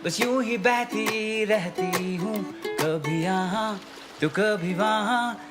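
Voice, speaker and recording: A man singing a slow verse over music. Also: high-pitched, pitched above the performer's own voice. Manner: sings very slowly over music. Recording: loud ukulele and guitar backing.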